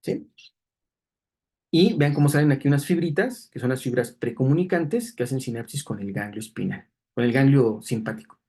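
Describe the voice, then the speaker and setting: A husky-voiced man lectures on anatomy at a middle pitch. He walks through diagrams step by step and keeps checking in with the class through tag questions. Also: moderate pace, dark tone.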